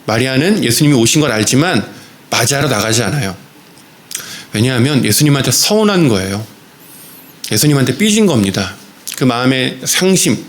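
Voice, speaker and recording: A man's voice: medium pitch, very animated, a little fast, long pauses. A male pastor preaching a sermon in a church, telling a story with repeated phrases and a few fillers.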